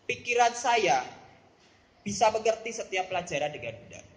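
A man's voice: high voice, sing-song, normal speed, roomy sound, low-quality recording. A man teaching a Bible lesson to children, playful, calling on pupils by name and quizzing them.

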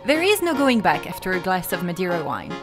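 A woman's voice: lowish voice, big pitch swings, brisk. A woman gives scripted voice-over narration for her travel vlog in a wry, storytelling manner. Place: voice-over, not recorded on location. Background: background music.

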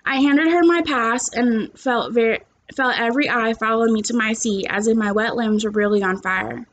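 A young adult woman, a teacher, reads a story aloud and chats with children from a small living room at home, using her computer's microphone. Her voice is fairly high and moderately paced, and the audio is dull with a little hiss or hum.

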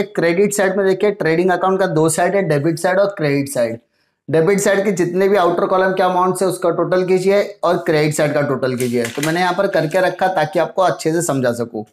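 A male commerce teacher explaining an accounting problem step by step, mixing Hindi with English terms and asking and answering his own questions. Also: high voice. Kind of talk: accounting lesson. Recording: echoey room sound.

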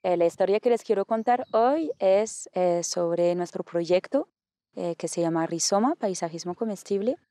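A French woman in her thirties, a landscaper and environmental activist, speaking earnestly outdoors in a documentary interview, pausing often with fillers. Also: on the low side, warm tone, no echo, studio quality. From France. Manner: earnest, hesitant with many fillers. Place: outdoors in hilly countryside.

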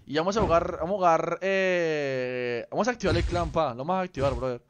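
Young man, game streamer, slangy and teasing, slightly high voice, faint background hiss. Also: fairly quick. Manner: slangy, teasing, greets viewers by name. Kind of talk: casual live-stream chat.

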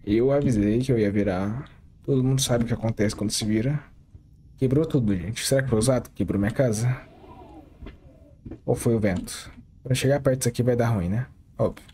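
A man's voice: medium pitch, fairly quick, pauses often, dark tone, a little hiss or hum. A man with a Brazilian Portuguese accent hosting a gaming channel, joking and talking to his viewers in casual gameplay commentary. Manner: joking, talks to the viewers as he plays.

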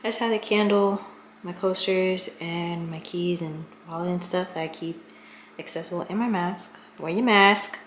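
A woman's voice: lowish voice, steady tone, normal speed. A young woman chatting casually to viewers while she does chores at home, filmed on a camera mic as she moves around. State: out of breath. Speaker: vlogger. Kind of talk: casual vlog chat. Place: small apartment at home, indoors. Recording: echoey room with noise.

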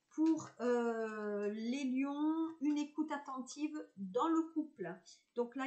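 Woman, southern French accent, high voice, medium on a live stream, chatty, reassuring, lots of hesitations. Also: a little mellow. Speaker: medium giving a tarot reading. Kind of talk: live-streamed card reading, chatting with viewers.

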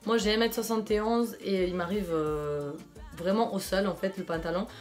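A woman's voice: medium pitch, fairly even intonation, moderate pace, a little mellow, faint music behind. A young woman from France chatting casually through a clothing try-on haul, enthusiastic and full of fillers. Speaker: fashion vlogger.

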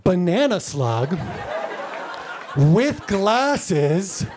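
A man's voice: sits high, very animated, drawn-out words, crowd noise, noisy background. Rambling stand-up man in a club. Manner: loose, rambling delivery full of "like" and "you know". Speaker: stand-up comedian. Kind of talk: live stand-up routine. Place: comedy club. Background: audience laughter.

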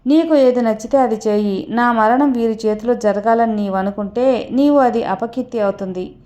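A woman's voice: a little high, moderate pace, dark tone, natural voice. A woman voicing a frightened male creator god who pleads humbly. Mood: pleading. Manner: humble and fearful.

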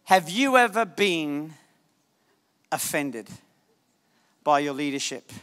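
High bright-voiced male preacher in a hall. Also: takes it slowly, smooth. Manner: animated, jokey, shouts for emphasis. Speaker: guest preacher. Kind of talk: lively sermon. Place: church sanctuary. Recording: church hall reverb.

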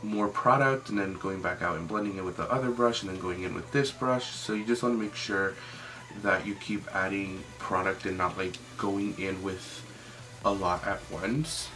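A man's voice: low voice, steady tone, moderate pace, sharp tone, poor audio. A young man giving a casual, chatty makeup tutorial in an informal way, with lots of "like". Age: young adult. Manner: chatty, informal, often says "like". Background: music.

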